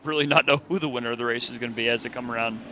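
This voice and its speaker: Bright-voiced man doing race color commentary. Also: medium pitch, steady tone, rapid-fire, muffled recording, slight background noise. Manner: chatty and thinking aloud, with restarts. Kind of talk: sim racing color commentary.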